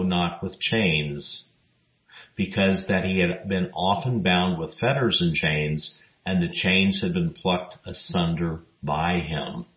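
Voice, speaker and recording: A man giving scripted Bible teaching narration, reading scripture verses in a measured, even way. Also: deep voice. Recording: roomy, dull lo-fi recording.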